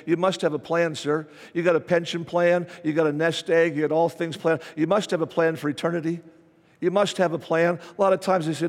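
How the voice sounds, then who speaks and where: A pastor delivers an emphatic sermon, hammering phrases again and again. His voice sits high for a man. The sound carries the long reverb of a church sanctuary. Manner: repetitive, emphatic preaching.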